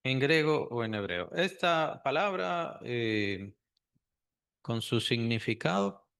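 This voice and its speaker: A man's voice: medium pitch, sing-song, slow, vocal fry, a bit bright, smooth. Guy teaching sunday school, keeps asking the class stuff and repeating himself. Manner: asks the class questions, repeats key phrases. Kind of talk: Bible study lesson.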